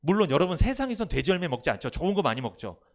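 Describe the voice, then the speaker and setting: A man's voice: on the high side, sing-song, very fast. A male pastor preaching a Sunday sermon in church, putting questions to the congregation and answering them himself. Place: church sanctuary.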